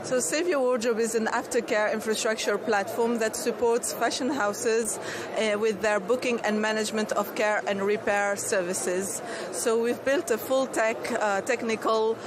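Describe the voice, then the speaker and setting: A Tunisian woman in her thirties, a startup founder, answers interview questions earnestly at an outdoor expo stand, restarting often and using many fillers. Her voice is on the high side, steady in tone, at normal speed, with street noise clearly audible behind her.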